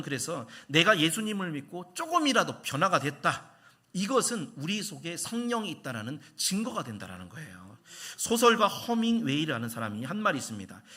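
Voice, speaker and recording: A man's voice: a little high, sharp tone, slightly rough. A man preaching a Sunday sermon as senior pastor, telling stories and asking the congregation questions.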